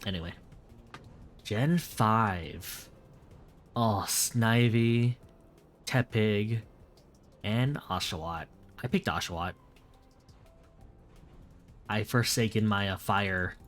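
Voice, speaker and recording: A man's voice: on the low side, very slow, pauses often, faint music behind. A man streaming late at night, chatting casually and rambling, correcting himself as he replies to viewers.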